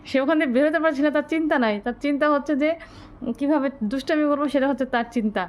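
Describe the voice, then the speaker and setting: A woman filming her pets at home at night, coaxing and scolding them in a lively, affectionate way. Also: high voice, rapid-fire. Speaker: pet vlogger. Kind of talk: casual vlog narration.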